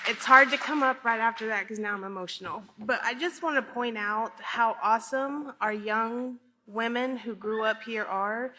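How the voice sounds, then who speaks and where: A woman's voice: a little high, moderate pace, hardly any pauses, pushed and bright, big-room sound, some chatter behind, low-quality recording. A middle-aged woman giving a speech to a congregation at a pulpit microphone, addressing listeners directly and personally. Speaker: religious speaker. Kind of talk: speech to a congregation with read-out quotes.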